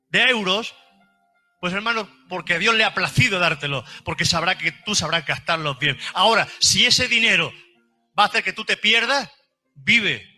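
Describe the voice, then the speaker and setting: A man's voice: high voice, bright, forceful tone. A man preaching a fervent sermon at a church service, repeating phrases for emphasis. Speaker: pastor.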